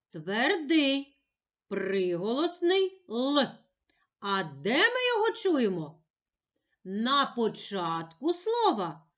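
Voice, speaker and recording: A woman teacher giving a slow, scripted lesson to young children, drawing out syllables clearly. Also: a little high, fairly bright tone.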